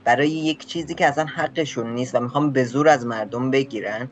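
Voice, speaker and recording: A man hosting a talk podcast, sympathetic to his guest and defiant toward the authorities. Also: medium pitch. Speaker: podcast host. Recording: dull lo-fi sound.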